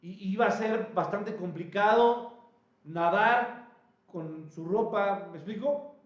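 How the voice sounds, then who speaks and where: A man preaching a sermon, animated, calling out questions to his congregation. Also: sits high, takes it slowly, roomy sound, dull audio. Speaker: pastor. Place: church.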